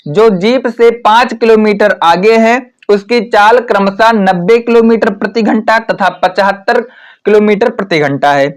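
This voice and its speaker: Male math tutor, pitched high, patient stepwise explanations for exam students. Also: unhurried. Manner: explains step by step with frequent "ठीक है" fillers. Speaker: math teacher. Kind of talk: exam-prep math lesson.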